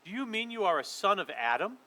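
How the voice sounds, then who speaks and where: A man reading a storybook aloud and voicing a cold, imperious queen with loud, scornful outbursts. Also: high-pitched, very animated, brisk, exaggerated voice, poor audio. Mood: haughty.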